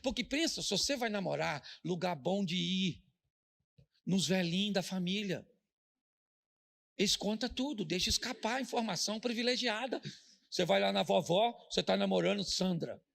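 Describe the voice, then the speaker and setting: A middle-aged Brazilian pastor preaches with a joking, storytelling delivery and slips into the voices of the people he describes. His voice sits high and is heavily gravelly, full of fry. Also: expressive, moderate pace, a bit bright. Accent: Brazilian Portuguese. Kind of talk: humorous sermon.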